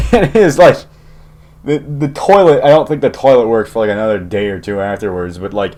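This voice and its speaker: A man's voice: fairly low pitch, a little fast, mellow. A young man casually telling a rambling personal story, swearing heavily and chuckling often. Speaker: channel host.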